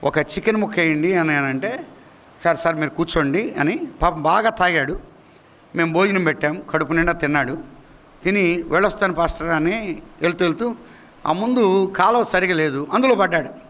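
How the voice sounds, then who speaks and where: A male pastor preaching a sermon, swinging between loud, high emphatic rises and sudden low drops. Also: normal speed. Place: church.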